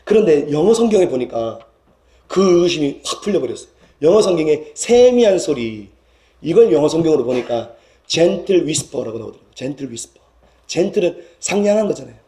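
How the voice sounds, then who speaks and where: A man's voice: sing-song, a little fast, warm tone. A male pastor with a Gyeongsang accent, preaching a sermon earnestly and lifting his voice for emphasis. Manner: earnest preaching that rises in pitch and volume for emphasis. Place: church sanctuary. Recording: echoey church hall.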